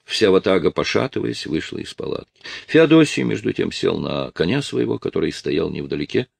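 A man narrating an audiobook in an expressive storytelling manner. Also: low-pitched, fairly quick, vocal fry, no room sound.

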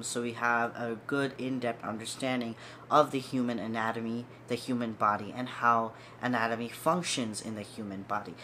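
Sounding stuffy, a young man in his twenties who studies medicine speaks earnestly and casually to camera, seated close up in a small room at home, and he repeats words to stress them. His mid-range voice comes across bright and forceful, over slight background noise.

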